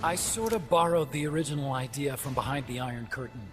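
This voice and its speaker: Medium in pitch and close to an ordinary speaking voice, this man talks fast. He's an actor portraying a sincere, wordy young engineer-scientist explaining at length in a game cutscene, with game score music playing.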